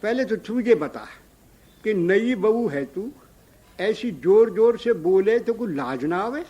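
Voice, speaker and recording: A man's voice: sits high, measured pace, muffled recording. A man voicing a bold, talkative young village bride in a devotional story. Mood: complaining.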